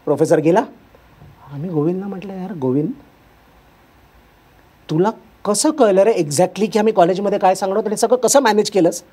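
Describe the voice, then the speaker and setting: A man's voice: sits high, brisk, long pauses, breathy edge. A male stand-up comedian telling a story on stage, acting out the people in it. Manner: animated, acts out characters' lines. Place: stage before a live audience.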